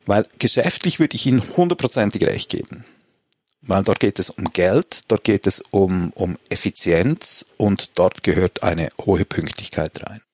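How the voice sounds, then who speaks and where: A man, talking calmly as a guest on a comedic panel show. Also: low voice, a little slow, slightly rough, no room sound. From Switzerland. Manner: relaxed, reads a letter aloud.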